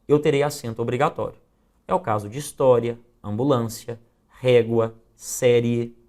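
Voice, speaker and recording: A middle-aged man with a Brazilian accent, teaching an exam review lesson and explaining rules step by step with examples. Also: medium pitch.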